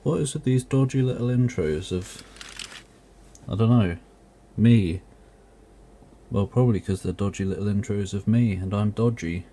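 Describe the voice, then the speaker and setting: A video host rambles through casual commentary in a lowish, mellow male voice at a moderate pace, pausing often. He grumbles, mocks himself and swears mildly, with a little hiss or hum in the audio.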